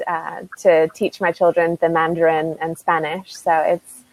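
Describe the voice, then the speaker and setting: On a video call, a US-born woman with an American accent tutors English online in a relaxed lesson, taking her time and giving little laughs between sentences. She has a deep voice with little pitch movement, captured on a rough recording.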